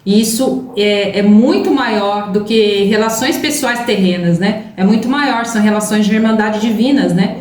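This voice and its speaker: A woman co-hosting a spiritual talk, explaining gently and often adding "né?" tags. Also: mid-range voice, normal speed, few pauses. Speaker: spiritual channel co-host. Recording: roomy with faint background hiss.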